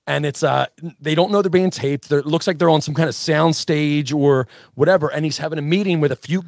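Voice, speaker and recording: Gravelly-voiced blunt male podcast co-host. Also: on the high side, no echo, studio quality. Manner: blunt and crude, quick to joke. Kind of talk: casual chat.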